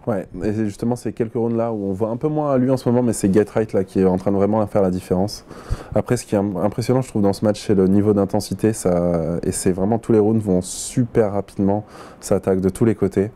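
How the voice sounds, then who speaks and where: A man's voice: fairly low pitch, fairly even intonation, fast, mellow, a little hiss or hum. A man giving analytical esports commentary in a conversational, hesitant way.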